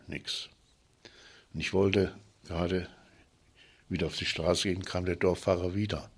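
An older man recounting childhood memories in a reflective, halting way, pausing and restarting his sentences. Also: low voice, husky.

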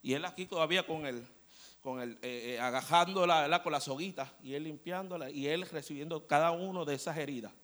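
A man's voice: fairly high pitch, fairly quick. A man preaching a storytelling sermon in a church, often checking in with the congregation. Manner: animated storyteller, asks the congregation "¿verdad?". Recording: long church hall reverb.

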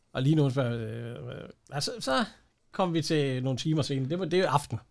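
A man co-hosts a relaxed podcast, chatting about a TV show. His voice sits a little high for a man. He laughs often and hesitates with plenty of fillers. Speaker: podcast co-host. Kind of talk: casual chat.

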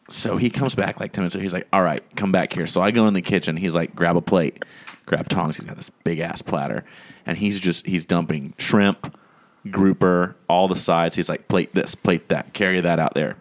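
This podcast host has a deep voice and speaks at a moderate pace while relating a long anecdote in casual conversation. He animates it by voicing the people involved.

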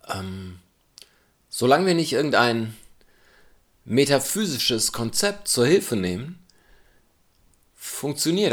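Lively, thoughtful man musing aloud. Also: medium pitch. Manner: thoughtful, argumentative, questioning. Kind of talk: reflective spoken essay.

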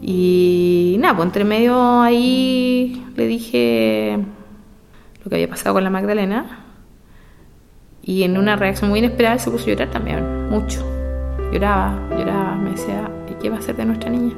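Gravelly Chilean woman telling her story. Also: mid-range voice, steady tone, moderate pace. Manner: emotional, retells dialogue at length. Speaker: interviewee. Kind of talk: personal storytelling. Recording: clear music playing behind.

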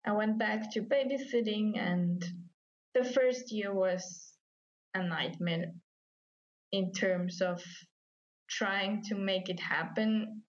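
An Austrian woman whose native language is German speaks with an Austrian German accent, her mid-range voice moving slowly with long pauses. She is an interview guest telling her story and acting out thoughts she once had. The recording sounds slightly dull and lo-fi.

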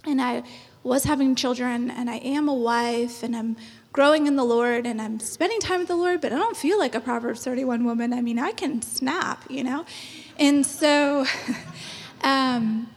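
Woman, 30s, high breathy voice, chatty encouraging panelist, long hall reverb. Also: a little slow. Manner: chatty, encouraging, laughs often. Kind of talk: church panel talk.

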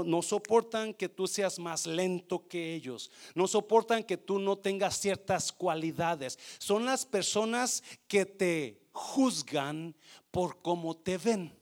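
A man preaching a sermon as pastor, animated, swinging between loud exhortation and quiet asides, mixing English phrases into his Spanish. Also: high-pitched, creaky.

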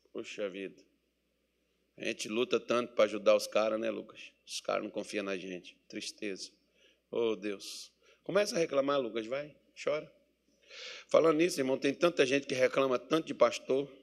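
A Brazilian man preaching a sermon as pastor, swinging between loud exhortation and quiet asides, acting out little dialogues. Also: mid-range voice. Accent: Brazilian Portuguese. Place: church meeting hall.

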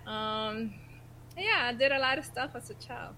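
Woman from puerto rico chatting as a guest, bright voice, lots of ums. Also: a little high, expressive, unhurried, slight background noise, rough recording. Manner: friendly, hesitant with many fillers. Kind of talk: casual interview chat.

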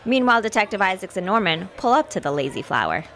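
A woman's voice: medium pitch, big pitch swings, fast, fairly bright tone. A woman narrating an amateur audio drama in a plain, matter-of-fact way.

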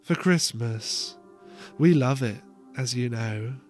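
A man's voice: mid-range voice, takes it slowly, a little mellow, faint music behind, natural voice. A man voicing a polite, evasive woman who is hosting a Christmas feast and gives bland, pleasant answers. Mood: placid.

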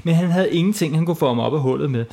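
A man improvising a playful children's bedtime story as host, with lively narration. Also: a little high, vocal fry.

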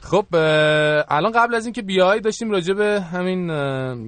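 A man's voice: high-pitched, expressive, fairly bright tone, no echo. A man whose mother tongue is Gilaki, hosting a casual radio show with a playful, interjecting way of chatting. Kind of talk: lively casual radio chat.

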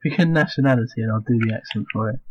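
A man's voice: mid-range voice, very fast, a little hiss or hum, poor audio. A man co-hosting a podcast, joking around, swearing and laughing a lot. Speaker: podcast co-host. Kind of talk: casual chat.

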